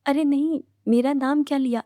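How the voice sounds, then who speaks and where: A woman's voice: sits high, steady tone, normal speed, warm tone, no room sound, studio quality, lightly acted. A woman voicing a bold young female student who is bossy and playfully teasing as she talks.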